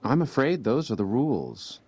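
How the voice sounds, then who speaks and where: An actor playing a polite, officious hotel greeter in a video game, with the formal courtesy of a petty bureaucrat. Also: male voice, mid-range voice, huge pitch swings, normal speed, darkish tone, breathy edge, no echo. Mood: officious, courteous. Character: polite, officious male casino hotel greeter enforcing house rules. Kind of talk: video game character dialogue.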